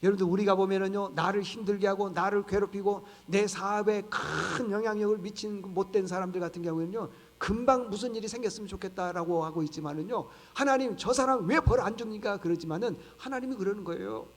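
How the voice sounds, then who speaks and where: A man preaching from the pulpit with a fairly high voice. His delivery is emphatic, and he acts out the voices of those he quotes. Long reverb from the church hall trails after each phrase. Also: fast, few pauses. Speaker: pastor. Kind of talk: sermon. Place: church sanctuary.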